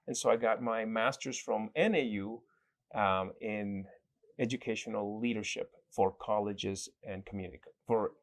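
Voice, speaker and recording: A man's voice: fairly low pitch, moderate pace. A man from El Salvador, a guest in an interview, telling his story reflectively, with frequent restarts and fillers. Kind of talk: conversational interview.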